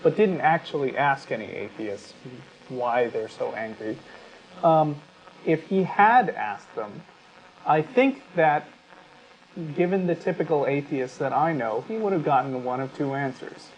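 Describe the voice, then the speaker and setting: This is a talk-show co-host whose medium-pitched voice is expressive and unhurried as he alternates between casual commentary and reading passages aloud. Background noise comes through clearly on the dull, lo-fi audio.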